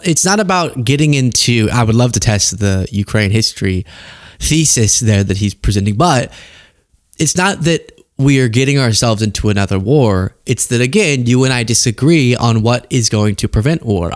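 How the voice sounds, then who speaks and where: This show host delivers casual political commentary in a mid-range voice, wry and chatty, making fun of messages as he reads them. The recording is studio quality, free of echo.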